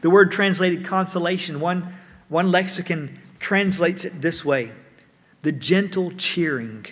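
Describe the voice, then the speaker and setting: Man preaching, higher voice, earnest, repeats words, long hall reverb. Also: unhurried, fairly bright tone. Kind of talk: sermon.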